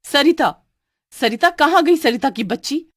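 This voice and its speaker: A woman's voice: on the high side, expressive, moderate pace, a little mellow, no echo, studio quality, voice pushed up, lightly acted. A woman voicing a spoiled, arrogant young wife in a cartoon story who orders others around. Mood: angry. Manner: haughty, demanding. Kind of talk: cartoon voice acting.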